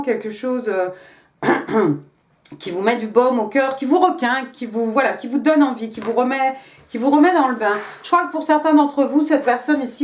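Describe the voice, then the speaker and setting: A woman's voice: a little high, darkish tone. Chatty tarot-reading woman, echoey room. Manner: chatty, many fillers and hein. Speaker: tarot reader. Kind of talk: casual tarot reading to camera.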